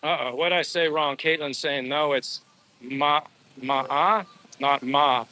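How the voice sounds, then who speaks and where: This livestream host strolls outside while chatting informally and loosely with his audience, addressing them as bro and dudes. He speaks slowly in a fairly high, bright voice with a forceful edge.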